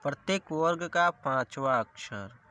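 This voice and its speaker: A man's voice: a little high, expressive, measured pace, bright, forceful tone. A man teaching the Hindi consonants, speaking patiently and sounding out each letter one at a time. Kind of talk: slow classroom explanation.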